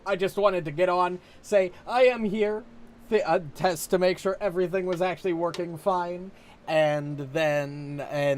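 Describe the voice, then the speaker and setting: A man's voice: fairly high pitch, slight background noise. A man giving casual live game commentary as a streamer, swearing freely and poking fun at himself. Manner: sweary, self-deprecating.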